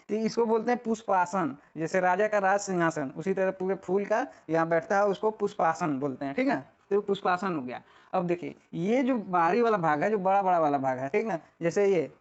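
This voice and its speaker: A man with a fairly high voice teaches in a relaxed, conversational way, speaking. He repeats key terms and checks in often with his listeners. The recording sounds a little dull and lo-fi. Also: brisk. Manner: repetitive, checks in often with filler tags. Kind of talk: casual classroom explanation.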